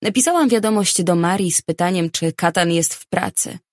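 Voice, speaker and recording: Low-voiced woman reading an audiobook. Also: normal speed, no echo, clean studio sound. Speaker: audiobook narrator. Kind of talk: first-person audiobook narration.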